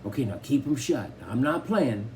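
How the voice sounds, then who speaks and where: A man doing a fun-loving father hamming up a slick salesman routine, pitched above the reader's own voice with a lively, swooping delivery. The tone stays mellow and soft-edged, with faint background noise. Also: normal speed, close to an everyday voice, poor audio. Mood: teasing. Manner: grand, pompous sales patter. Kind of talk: audiobook character voice.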